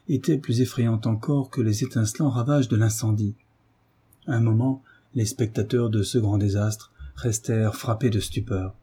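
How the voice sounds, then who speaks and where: A man narrating a classic novel in a measured, even reading. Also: lowish voice, slightly rough. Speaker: audiobook narrator.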